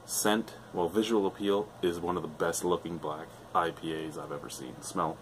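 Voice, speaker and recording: A man's voice: low voice, moderate pace, a little hiss or hum. A middle-aged man reviewing a beer on camera at home, rambling and enthusiastic, swearing freely. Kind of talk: casual beer review vlog. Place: living room at home, indoors.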